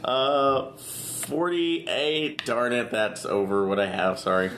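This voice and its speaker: A man's voice: mid-range voice, fairly even intonation, slow, fairly bright tone. A man talking casually as a player at a tabletop game. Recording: echoey room with background noise.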